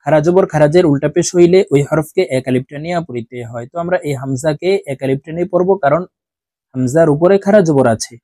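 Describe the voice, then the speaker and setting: A man teaching Quran letter reading, spelling out each syllable and then slowly drawing out the whole word. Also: on the high side, mellow, no room sound. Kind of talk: slow spelled-out recitation lesson.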